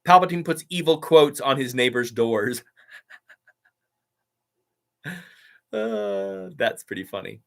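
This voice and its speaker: With a mid-range, gravelly voice and lively intonation, a male voice actor who runs a YouTube channel chats on a live stream. He reads out comments from viewers in an upbeat, chatty way and laughs readily.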